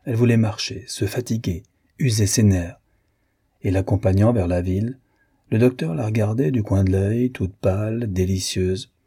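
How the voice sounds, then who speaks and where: A man narrating a classic novel in a measured storytelling manner. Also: on the low side, dark tone, husky. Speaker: audiobook narrator. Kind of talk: scripted narration.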